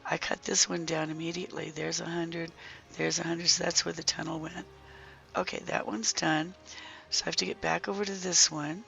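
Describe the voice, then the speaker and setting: Casual game commentator: hoarse, croaky, strained, crackling with fry, prone to whispery breaks, thinking aloud, slightly muffled mic. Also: mid-range voice, flat delivery, sharp tone. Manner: halting, thinking aloud while working. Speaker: gaming video creator. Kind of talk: casual gameplay walkthrough commentary.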